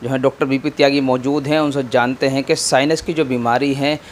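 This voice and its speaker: A man's voice: medium pitch, steady tone, fairly quick, a little hiss or hum. A male news reporter formally introduces his interview with a doctor at a hospital. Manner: formal, presenter-like greeting.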